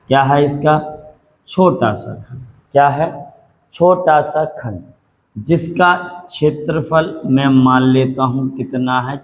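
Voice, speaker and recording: A man's voice: mid-range voice, darkish tone, rough recording. Patient male teacher quizzing and repeating. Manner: repetitive call-and-response questioning; patient, dictates slowly for note-taking. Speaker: physics teacher. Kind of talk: classroom lecture.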